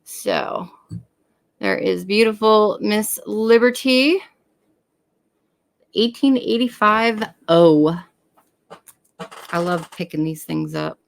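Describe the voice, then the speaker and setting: Woman host for a home-run live sale, unhurried, friendly with bidders. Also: medium pitch, creaky. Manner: friendly, calls out bidders by name. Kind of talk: live auction selling.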